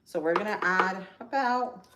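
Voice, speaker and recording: A woman's voice: medium pitch, a little slow. Chatty woman with a Spanish accent. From Central Florida, United States. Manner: chatty and upbeat, greets viewers by name, talks through each step. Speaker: host of a live cooking stream. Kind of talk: casual live cooking demo, chatting with viewers. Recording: echoey room with faint background noise.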